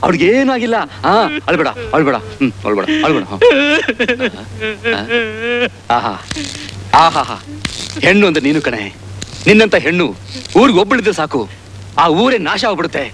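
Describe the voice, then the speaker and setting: An actor playing a devoted village brother, pleading and repeating himself in anguish. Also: male voice, on the high side, very animated, normal speed, pauses often, fairly bright tone. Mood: bitter. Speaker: elder brother.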